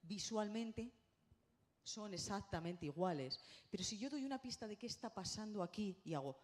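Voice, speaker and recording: A middle-aged woman giving a lively conference lecture as a speech therapist, often tagging her points with a quick question. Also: mid-range voice. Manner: animated, lively, checks in with tag questions. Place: conference hall.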